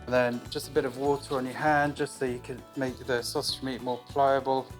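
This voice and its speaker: Modest farmer explaining cooking. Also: male voice, mid-range voice, flat delivery, fairly quick, over music. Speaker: farmer and cook. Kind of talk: casual chat.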